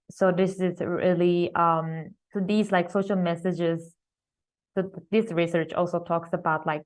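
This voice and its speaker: A woman's voice: fairly low pitch, darkish tone. A woman giving an academic research presentation at a student conference, hesitant, with many fillers and restarts.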